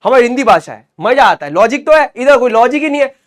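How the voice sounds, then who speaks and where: A young man teaching a lesson in a lively, joking way, repeating questions and answers to drill them in. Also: very high voice, quick pace. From Rajasthan, India. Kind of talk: explanatory lesson.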